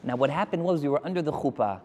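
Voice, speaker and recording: A man, a rabbi, giving a Torah lecture to his congregation and telling stories with animated energy. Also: fairly high pitch, fast talker, big-room sound, slight background noise. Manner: animated storytelling, addressing the crowd directly.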